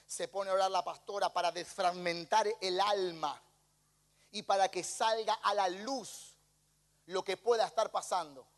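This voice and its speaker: A man's voice: sits high, fairly even intonation, measured pace, in a large hall. A man with a Rioplatense Spanish accent preaching a sermon as pastor, passionately acting out quoted dialogue.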